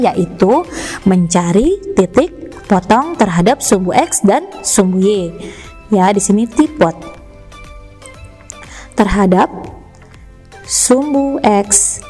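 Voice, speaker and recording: A woman math teacher from Indonesia, with a Jakarta accent and a medium-pitched, darkish voice, explains graphs step by step in a recorded lesson. She frequently uses tag questions with her students.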